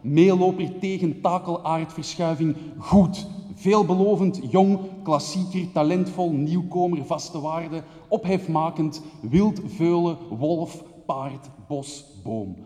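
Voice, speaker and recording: A man's voice: fairly high pitch, slow, hardly any pauses, mellow. A man giving an intense, rhythmic spoken-word monologue as a theater maker, reeling off long lists of words. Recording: long reverb of a hall.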